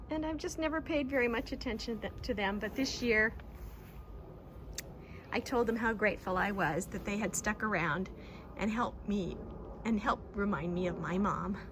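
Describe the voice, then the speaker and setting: A woman's voice: mid-range voice, normal speed, noisy background. A woman giving a casual, chatty garden tour, talking with enthusiastic affection about and to her plants outdoors. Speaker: garden vlogger.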